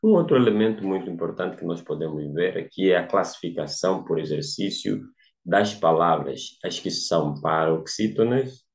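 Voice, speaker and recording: A man teaching a grammar lesson, speaking deliberately, repeating words and examples, with hesitant fillers and self-corrections. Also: low voice.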